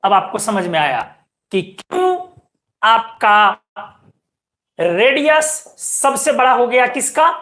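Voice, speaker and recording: A woman with a fairly high voice teaches a chemistry class. She explains each step patiently. She keeps checking whether her students are following and tells them to watch closely. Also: very animated, slow pace, a bit bright. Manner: explains step by step, asks students frequent questions; keeps urging students to pay attention. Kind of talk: classroom lecture.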